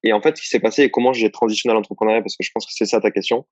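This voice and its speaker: In a casual interview chat, a young copywriter from southern France answers questions about his job in a rambling manner full of fillers and restarts. His voice is fairly low with fairly even intonation, and he races along; the audio has no echo, with the high frequencies cut off.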